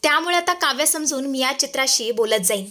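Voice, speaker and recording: A woman's voice: high voice, expressive, fast talker, bright, forceful tone. Casting: a woman playing a hesitant young husband missing his wife. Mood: lonely. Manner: hesitant, self-talking.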